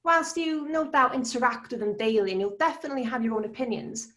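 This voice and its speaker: A woman's voice: a little high, expressive, fast, a bit bright. A woman with a Welsh accent giving an earnest, persuasive prepared conference talk. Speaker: conference speaker.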